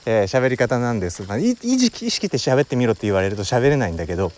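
A man from Wakayama hosting his own talk show at his family home, explaining in an unhurried way as he thinks aloud. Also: mid-range voice, very animated, darkish tone. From Wakayama, Japan. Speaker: podcast host. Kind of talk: casual solo talk.

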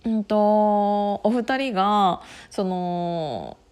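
A woman at an everyday middle pitch talking casually on her own podcast. She rambles in a chatty, unscripted way, full of fillers and quick little laughs. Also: darkish tone, clear, resonant tone. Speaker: podcast host. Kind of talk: casual solo talk.

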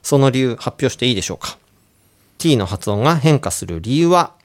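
A man hosting a radio English lesson who plays a friendly doctor giving out cures and explains pronunciation in a relaxed, joking way. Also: medium pitch, brisk, very noisy. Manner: playful doctor role, casual asides. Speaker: radio show host and English coach.

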